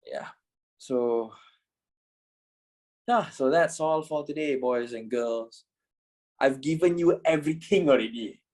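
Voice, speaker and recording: On a rough recording, a man with a medium-pitched, slightly mellow voice finishes a casual online trading class. The instructor, in his twenties, swears, repeats himself, and keeps asking "you know?"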